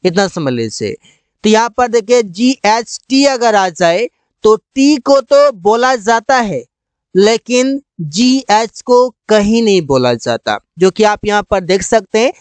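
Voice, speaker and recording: Hindi-speaking english teacher going slow, clear smooth voice, dry close sound. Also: mid-range voice, sing-song, dry recording. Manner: slow, repeats each rule and word. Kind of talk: explaining pronunciation rules.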